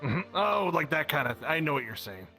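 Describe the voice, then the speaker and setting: A man's voice: on the high side, big pitch swings, fairly quick, bright, forceful tone, faint music behind. A man role-playing in an online game, chatting in character with a hesitant delivery and stammered restarts. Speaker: role-play game player. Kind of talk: in-character improvised chat in a game.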